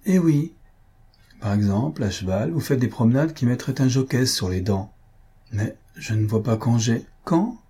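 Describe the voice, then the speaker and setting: A man reading aloud, voicing a gallant marquis who teases a young countess, in a dark, husky voice. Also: medium pitch, lively intonation, normal speed. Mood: teasing. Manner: teasing, gallant. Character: gallant male marquis, teasing admirer.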